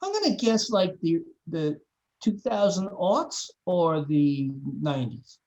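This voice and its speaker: A man's voice: high-pitched, takes it slowly. A man hosting a music reaction video, chatting casually and joking with his co-host. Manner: joking, animated banter.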